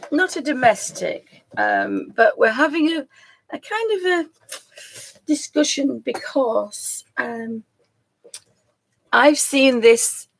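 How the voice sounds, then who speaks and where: A woman with a high, croaky voice hosts a live stream, chatting casually and rambling, often laughing and letting sentences trail off. The recording quality is rough.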